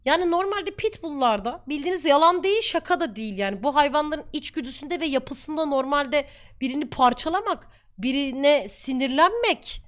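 A woman's voice: high voice, lively intonation, moderate pace, few pauses, fairly bright tone. A young woman streamer talking casually to her viewers, heated and ranting at times. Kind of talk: casual chat.

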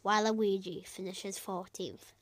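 A woman's voice: medium pitch, fairly even intonation, slow pace, a little hiss or hum. A woman hosting a homemade reality-show game, reading out votes and results one after another in casual commentary. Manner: reads out results in a running list. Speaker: host narrating a simulated reality show.

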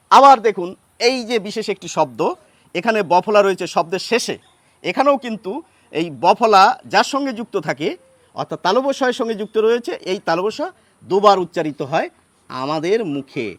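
A man teaching as he writes, patient and unhurried, pausing often with fillers. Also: high voice, very animated, no echo. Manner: patient, with many pauses and fillers. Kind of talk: explaining Bengali pronunciation at a board.

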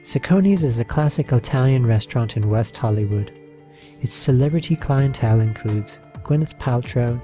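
A man narrating a slideshow in an even, listing read with the odd slip. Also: mid-range voice.

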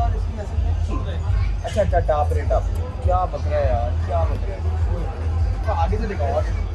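A young man from Pakistan with a Karachi Urdu accent, giving excited casual vlog commentary while walking around an outdoor cattle show. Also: on the high side, highs cut off. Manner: excited, exclaiming over animals. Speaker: vlogger.

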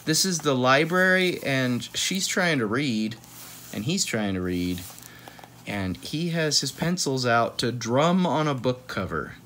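Here the same kind of host, a man in his thirties, playfully talks through a children's picture book from a couch at home, frequently straying into side comments. The voice is mid-range and a bit bright, unhurried and lively in pitch, with a little hiss or hum in the small room.

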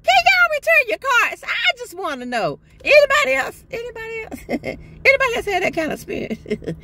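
A woman's voice: extremely high pitch, wildly swooping pitch, a little fast, vocal fry, heavy background noise. An older woman chatting in a casual selfie vlog from her parked car, exasperated and laughing often. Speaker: vlogger. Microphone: phone held at arm's length.

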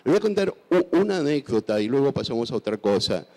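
A sixty-something Argentine author, speaking into a handheld microphone on a large festival stage, fields interview questions thoughtfully but hesitantly, with many fillers and restarts. He talks fast in a gravelly, darkish mid-range voice that swings widely in pitch. Long hall reverb colors the recording.

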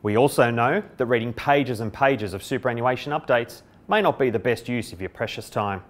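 A middle-aged Australian man with a mid-range voice presents a scripted explainer to camera for his company, speaking a little fast. He's in an indoor office by a window, wearing a lapel mic.

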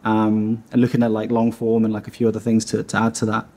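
An Icelandic animation studio founder in his thirties sits for an interview in a dimly lit studio room. His lowish voice is warm and mellow with a slight husk, delivered fast and in a monotone. He rambles, restarts, and leans heavily on fillers.

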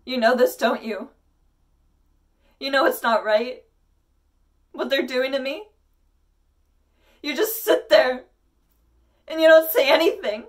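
A young woman performs a desperate, paranoid asylum inmate in a dramatic monologue. Her voice is high, with halting, intense pleas, heard at some distance from the microphone. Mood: desperate pleading. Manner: halting, intense, pleading delivery. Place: indoors against a plain wall. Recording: voice distant from the mic.

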